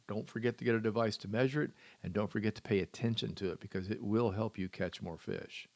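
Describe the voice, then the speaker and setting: A man's voice: on the low side, no room sound. A man hosting a fishing podcast, giving practical tips in a folksy, wry manner with dry self-deprecating humor. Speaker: fishing podcast host and charter captain. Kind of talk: solo podcast tips talk.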